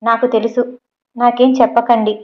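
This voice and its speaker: A woman's voice: fairly high pitch, flat delivery, moderate pace, highs cut off, natural voice. A woman voicing a remorseful young wife in an audio story, speaking in a pleading, broken way.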